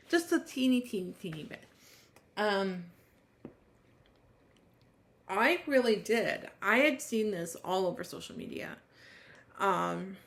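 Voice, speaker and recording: A woman reviewing a book, reading its blurb aloud and then chatting loosely with many restarts. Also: medium pitch. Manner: rambling, many restarts and trailing thoughts. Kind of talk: casual book review chat.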